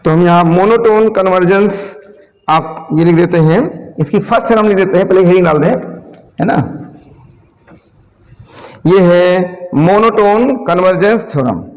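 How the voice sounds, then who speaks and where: A man teaching a math lecture, explaining step by step and slowly dictating English terms as he writes. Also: sits high. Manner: explains step by step, often checking in with listeners. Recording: long reverb of a classroom.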